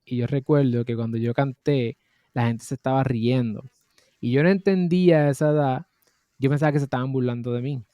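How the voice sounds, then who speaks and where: A Puerto Rican man in his thirties speaks in a measured, reflective way as an interview guest. His voice is mellow and warm, recorded dry and close. He often pauses and fills gaps with small hesitations. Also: medium pitch, steady tone, dry recording, muffled recording. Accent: Puerto Rican Spanish. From Puerto Rico. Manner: thoughtful, measured, with frequent fillers. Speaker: interview guest, music lawyer and entrepreneur.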